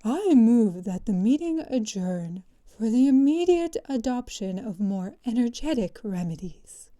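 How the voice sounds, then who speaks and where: A woman's voice: a little high, sing-song, a little slow, warm tone. Woman as a solemn, pompous, declaiming storybook dodo. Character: solemn, long-winded dodo, easily offended, fond of grand words. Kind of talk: storybook character voice.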